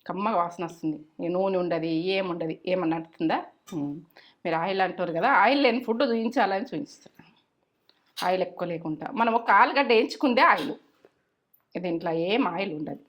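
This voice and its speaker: Speaking fast in a voice on the low side, a middle-aged woman hosts a cooking channel. It's casual chat with homely advice, and she repeats herself along the way.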